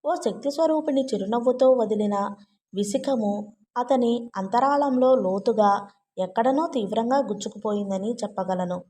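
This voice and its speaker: A woman narrating a novel as an audiobook reader, in measured, literary narration. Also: on the high side, mellow. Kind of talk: novel reading.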